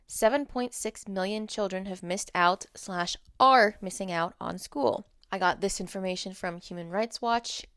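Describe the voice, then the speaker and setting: A woman's voice: mid-range voice, smooth, no echo. Blunt American woman, dry close sound. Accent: standard American. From United States. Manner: blunt, emphatic, casually profane. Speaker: social media content creator. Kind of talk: informal advocacy vlog, reading notes aloud with candid asides.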